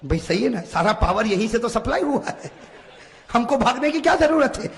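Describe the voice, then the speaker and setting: A man preaching a sermon, telling a story with sudden drops to a hush and bursts of shouting, and he calls on the crowd to repeat after him. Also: very high-pitched, sing-song, creaky. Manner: dramatic, swings from hushed to shouting, urges the crowd to repeat. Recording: long hall reverb.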